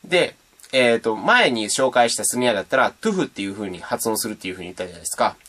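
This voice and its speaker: A man's voice: medium pitch, expressive, fast, pushed and bright. A man giving a casual, playful beatbox tutorial and demonstrating sounds as he explains. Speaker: beatbox teacher.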